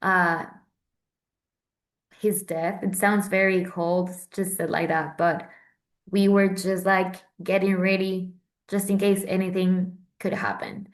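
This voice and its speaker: This Vatican correspondent is a young Central American woman in her 20s with a lowish, flat voice. She takes her time in an informal chat, rambling on with plenty of fillers and false starts.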